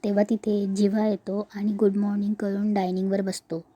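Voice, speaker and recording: Mellow-voiced woman recapping a serial. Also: medium pitch, little pitch movement, moderate pace. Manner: plain storytelling, quotes dialogue in her own voice. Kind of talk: retelling a TV serial episode, reading all parts.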